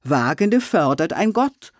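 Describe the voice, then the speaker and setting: Reader doing daring young male suitor, slow grand verse, dry sound. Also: mid-range voice, very animated, no room sound. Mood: pleading. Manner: solemn, declaiming verse.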